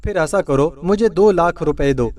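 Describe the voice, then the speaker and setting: A man's voice: a little high, a little mellow, distant mic, close to an everyday voice. A man voicing a sulky, scheming young wife who complains and accuses tearfully. He keeps close to his own voice, set back from the mic. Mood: coaxing.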